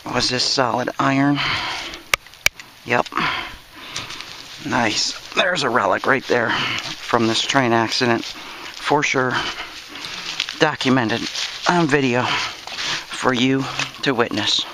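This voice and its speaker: A man's voice: medium pitch, fairly even intonation, takes it slowly, long pauses, very noisy. A man casually narrating a metal detecting dig to his viewers outdoors, in short repeated remarks as he works. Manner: talks to viewers while digging, repeating short exclamations.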